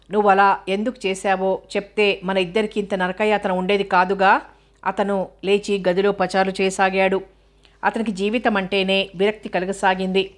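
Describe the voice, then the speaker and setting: A woman narrating a novel as an audiobook in a steady, measured way. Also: mid-range voice.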